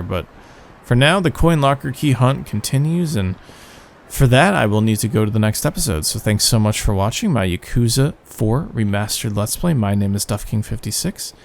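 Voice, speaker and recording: A man hosting a let's play, rambling casual commentary with a nasal, phlegmy morning voice. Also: lowish voice.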